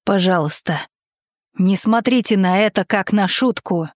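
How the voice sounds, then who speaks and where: A woman reading aloud, voicing a stern young nobleman who speaks gravely and formally about his duel. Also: medium pitch, unhurried, no echo, clean studio sound, voice pushed down, close to an everyday voice.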